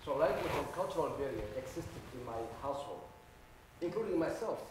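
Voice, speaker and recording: A middle-aged man whose first language is Somali speaks into a lapel mic on an auditorium stage, his voice a little high, animated and fairly quick, with background noise behind him. He is a panelist, a community worker and radio host, telling personal anecdotes as an earnest storyteller who repeats words as he builds his phrases.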